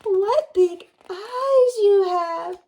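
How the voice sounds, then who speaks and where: Woman as innocent little girl, very high pitch, slow wide-eyed exclamations, storybook heroine. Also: animated, warm tone, full character voice. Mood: astonished. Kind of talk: storybook read-aloud.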